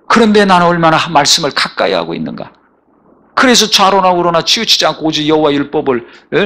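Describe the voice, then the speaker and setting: A male pastor in a church sanctuary preaches with a high-sitting voice, vocal fry, and a sharp tone. He builds rising, emphatic repeated phrases and calls for responses from the congregation.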